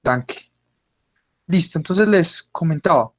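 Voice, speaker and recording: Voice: medium pitch, expressive, slow pace, fairly bright tone. A teacher, patiently explaining German pronunciation in an online class and repeating words for the students. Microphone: computer mic on a video call.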